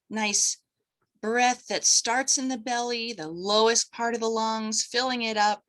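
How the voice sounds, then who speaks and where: A female meditation instructor leads a breathwork session, softly offering short instructions with pauses in between. Her voice sits slightly high.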